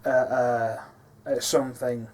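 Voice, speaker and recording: A man's voice: mid-range voice, little pitch movement, slow pace, darkish tone. A man talking casually about his films, rambling and hesitant, with many fillers. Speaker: filmmaker. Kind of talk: casual behind-the-scenes talk.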